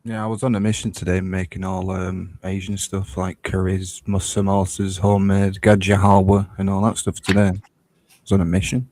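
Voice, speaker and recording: A man in his early thirties, chatting about food and wrestling in a relaxed, easygoing way on a podcast. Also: low voice, moderate pace, no echo. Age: 30s. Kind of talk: casual chat.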